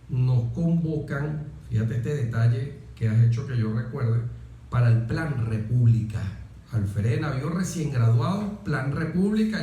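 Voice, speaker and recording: Speaking with a dark tone in a mid-range voice, a middle-aged Venezuelan military officer recounts personal stories as an interview guest. He is emphatic and tends to repeat phrases, keeping it conversational. The recording space is very echoey.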